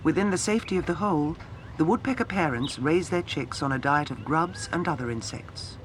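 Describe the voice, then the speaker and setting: Higher-pitched male nature documentary narrator. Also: lively intonation, a little fast, background noise. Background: background music.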